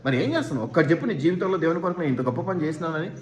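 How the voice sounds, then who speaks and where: A man's voice: fairly high pitch, lively intonation, rapid-fire. A man preaching a sermon as pastor, firing rhetorical questions and acting out what imagined people say. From India. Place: church hall. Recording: echoey church hall.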